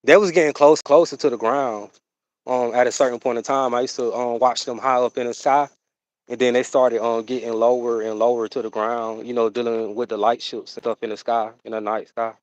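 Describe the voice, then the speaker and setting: A man's voice: medium pitch, fairly even intonation, dry recording, low-quality recording. A man, chatting casually on his livestream in a rambling way, full of fillers. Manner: rambling, drawn-out, full of fillers and "you know what I'm saying". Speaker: livestream host.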